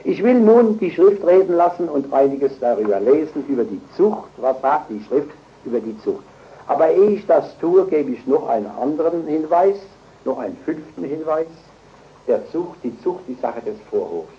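A man's voice: sing-song, moderate pace. Older man preaching emphatically, lo-fi recording. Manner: emphatic, swings between loud stresses and low asides. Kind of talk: sermon. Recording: dull lo-fi recording.

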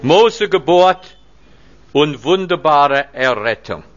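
A man's voice: a little high, lively intonation, slow pace, a bit bright, no echo. A man preaching a sermon to a seated congregation, reading scripture and teaching with wry humorous asides. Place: church hall before a seated congregation. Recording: dull lo-fi recording.

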